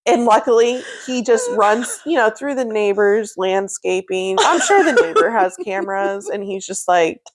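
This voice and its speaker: A woman's voice: moderate pace, hardly any pauses. A woman in her thirties co-hosting a podcast, telling a funny story casually, laughing as she talks and acting out quoted lines. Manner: animated, acts out quoted lines with big pitch jumps; frequent laughter while talking. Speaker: podcast co-host.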